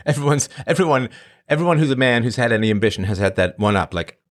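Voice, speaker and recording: This middle-aged man talks fast and expressively, a host born in Ireland who grew up in England. He meanders casually through his live chat in a conversational monologue, his pitch swinging emphatically.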